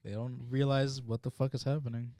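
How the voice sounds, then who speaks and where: A man co-hosts a casual podcast, telling stories with lots of swearing. His voice sits at an ordinary pitch. The sound is dry and close, with little room in it. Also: a little fast, dry recording. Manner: heavy swearing, animated storytelling. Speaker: podcast co-host. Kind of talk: casual chat.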